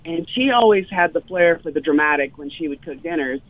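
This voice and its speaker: This Louisiana chef in her fifties has a low-pitched voice and talks fairly quickly, spinning animated stories as a guest in a casual interview. She says um often. The recording comes through a tinny phone line, dry with no echo.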